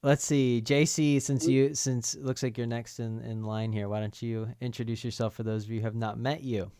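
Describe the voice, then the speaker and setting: A man hosting a casual video call, introducing speakers and giving short, soft-spoken reactions. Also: mid-range voice, fairly even intonation, normal speed, smooth, dry recording. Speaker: host.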